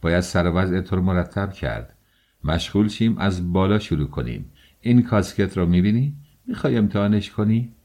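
A man's voice: deep voice, lively intonation, mellow. A man voicing an eager, chatty young friend. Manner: eager, talkative, coaxing. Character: cheerful fussing young male friend.

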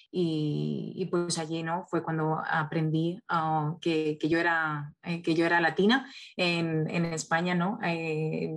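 Spanish woman guest, Valencia accent, low pitch, hesitant and reflective, video-call sound. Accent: Spanish from Spain. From Spain, Valencia. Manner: thoughtful, many fillers and self-restarts. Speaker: guest, communications specialist. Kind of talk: interview over video call.

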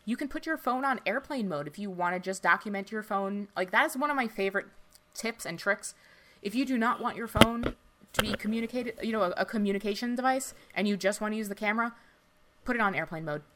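A woman co-hosts a podcast in casual, rambling chat, packed with likes and you-knows. Her voice is medium-pitched and fast, and the recording is very noisy.

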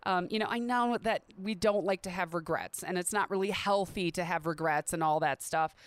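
A woman's voice: fairly low pitch, moderate pace, no echo. A woman hosting her own podcast, talking in a chatty, upbeat way with light laughs. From Midwestern United States. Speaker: podcast host. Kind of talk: casual solo podcast talk. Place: at home in a quiet neighborhood.

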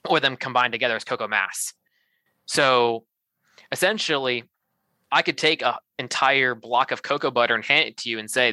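A man's voice: mid-range voice, sharp tone, no echo. A man speaking as a podcast guest, explaining things in an informal, conversational way with casual qualifiers. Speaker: podcast guest, chocolate shop owner.

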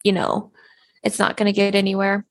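A woman's voice: medium pitch, completely flat delivery, brisk, dry recording, studio quality. A young woman co-hosting a podcast in casual chat, talking loosely with lots of "like" and restarts. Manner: chatty, frequent "like" and "quote unquote". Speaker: podcast co-host.

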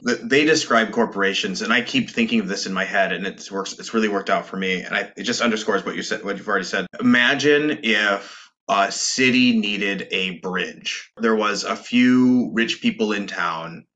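Bright, low-pitched man explaining casually. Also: normal speed, hardly any pauses, dull audio. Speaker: podcast co-host.

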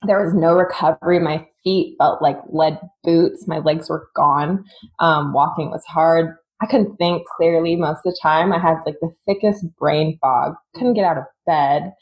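Dull audio captures a woman speaking in a low-pitched, unhurried voice. She is a Singaporean fitness coach in her thirties, a guest on a podcast recounting her story conversationally, talkative and candid, frequently laughing as she goes.

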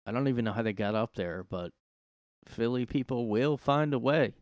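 A man with a smooth, clear voice sits in his room hosting a solo podcast, recorded close and dry. He rambles and swears freely, now and then jumping into loud outbursts. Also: mid-range voice, normal speed, no echo. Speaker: podcast host. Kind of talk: casual solo monologue.

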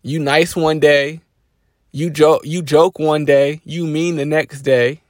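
A man's voice: fairly high pitch, fairly even intonation, takes it slowly, no room sound, clean studio sound. Man giving a faith-based pep talk. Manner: casual, preachy, repeats and restarts phrases. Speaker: podcast host.

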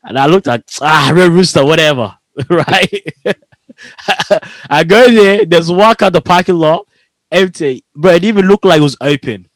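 A young man, chatting casually and telling animated, slangy anecdotes with a giggly streak. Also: fairly high pitch, normal speed, no echo. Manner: slangy, says bro often, giggly storyteller.

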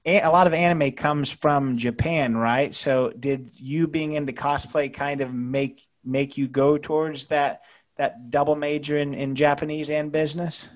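Halting man hosting a podcast. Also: on the high side, fairly even intonation. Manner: halting, restarts words often. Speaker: podcast host. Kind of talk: casual interview.

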